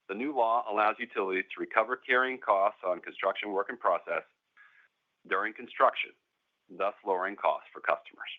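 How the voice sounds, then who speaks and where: Over a narrow, phone-like connection, a man with a fairly low voice delivers prepared corporate remarks in a formal, measured way. He's an executive presenting to investors on a conference call.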